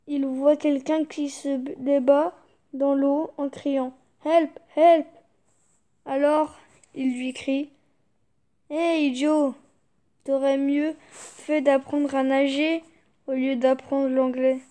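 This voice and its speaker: A woman's voice: high voice, flat delivery, slow pace, pauses often, mellow. A young woman YouTuber reading jokes aloud, fighting back giggles and muttering reactions between them.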